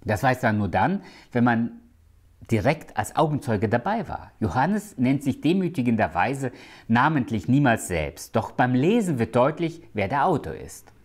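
A man delivers a sermon with emphasis, slowing down when quoting scripture and at times dropping into a hushed tone. His voice is medium in pitch and sing-song.

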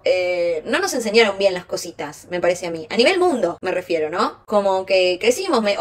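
A young woman with a Rioplatense Spanish accent giving frank, slangy advice to her chat on a casual live stream. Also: medium pitch.

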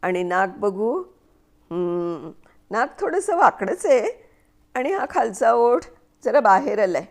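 A woman voicing a sharp-tongued young wife who scolds loudly in a high voice. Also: sing-song, slow pace. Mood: nagging. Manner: high, loud and nagging.

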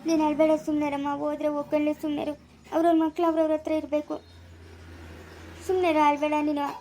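A woman's voice: extremely high pitch, a little mellow, slight background noise. A woman with a Chikkaballapura Kannada accent plays a heartbroken woman who lost her foster daughter, speaking in a tearful, lamenting way in a family short drama.

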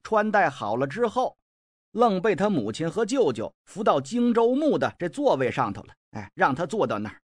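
A male storyteller narrates in the traditional oral style, colloquial and full of wry asides. His voice is animated, rising and falling a lot. The recording is dry and close. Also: sits high, normal speed, dry recording.

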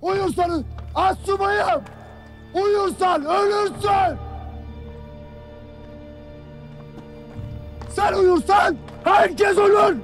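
An actor playing a stern army commander who harshly berates his troops, often shouting. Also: extremely high pitch, moderate pace, music in the background. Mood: furious. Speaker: military commander. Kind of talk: dramatic film acting.

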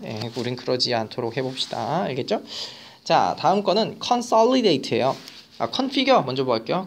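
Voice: medium pitch, slight background noise. A teacher giving an online vocabulary lecture who mixes casual and polite speech and keeps checking in with students.

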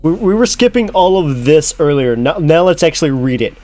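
A man's voice: fairly high pitch, expressive, brisk, darkish tone. A man commentating a game in a crude, laughing, exasperated way while reading out game text. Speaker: gaming YouTuber. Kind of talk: let's-play commentary.

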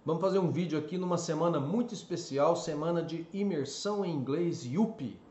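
Man, english teacher, lively explainer, slightly high voice, echoey room. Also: lo-fi sound. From Brazil. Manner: animated, explanatory, stretches out example words slowly. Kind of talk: casual video lesson.

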